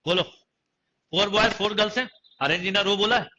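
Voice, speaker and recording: In a dull, lo-fi recording of an online coaching lecture, a young man with a high voice teaches maths slowly, in a sharp tone. He keeps quizzing students and going back over key phrases.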